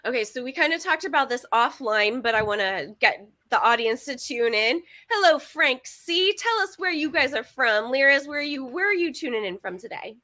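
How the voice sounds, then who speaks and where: Bright, high-voiced upbeat woman host. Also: lively intonation, normal speed, hardly any pauses. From Texas. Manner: upbeat, chatty, laughs often. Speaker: webinar host. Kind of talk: live webinar hosting.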